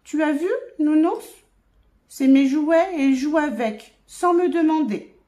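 Storybook little girl, pouty and high-voiced, read by a woman. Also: measured pace, warm tone. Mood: sulky. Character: little girl, sulky then cheerful.

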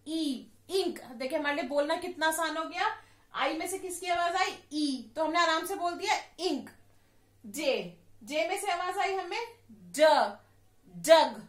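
A woman with an Indian accent teaching children letter sounds, stressing each sound slowly. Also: high voice, sharp tone, reverberant. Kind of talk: phonics lesson for children.

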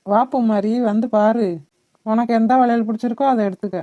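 A woman voicing a kindly older village aunt in a cartoon, gently coaxing and soothing. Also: a little high, steady tone, brisk, highs cut off, pitched below the performer's own voice, natural voice.

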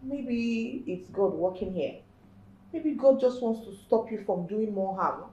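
A woman's voice: mid-range voice, expressive, measured pace, mellow, echoey room, muffled recording, natural voice. An actress with a Nigerian accent playing an earnest young daughter pleading with her mother.

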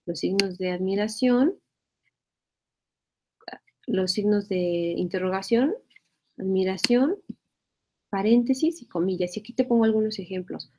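A woman's voice: medium pitch, a little slow, long pauses, a little mellow. A woman teaching a spelling lesson, explaining patiently, repeating phrases and checking in with her students.

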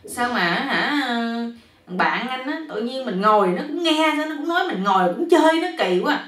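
A woman's voice: sits high, lively intonation, moderate pace, a bit bright, recorded from a distance, voice pushed up. A woman voicing a fussy young wife who whines and pleads with her husband. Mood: whiny. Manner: pleading, whiny. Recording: roomy, a bit off-mic.

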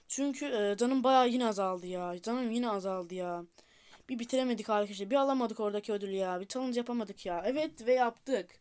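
Woman in excitable gameplay commentary. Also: fairly high pitch, clear, resonant tone. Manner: talks straight to viewers, repeats urgent pleas and cheers. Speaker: gameplay streamer.

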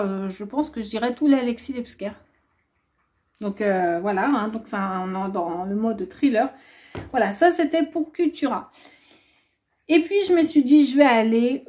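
A woman's voice: a little high, a little mellow. A young woman chatting casually through a book haul vlog, rambling with plenty of hesitations. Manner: chatty, rambling, many filler "euh"s. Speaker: booktuber.

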